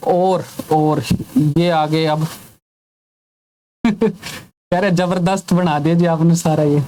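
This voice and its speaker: A man's voice: a little high, steady tone, takes it slowly, dark tone, a little hiss or hum. A male teacher giving a classroom grammar lesson, drilling sounds over and over, asking the class questions and dropping teasing jokes. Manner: drills students with repeated sounds and call-and-response questions; jokey teasing asides.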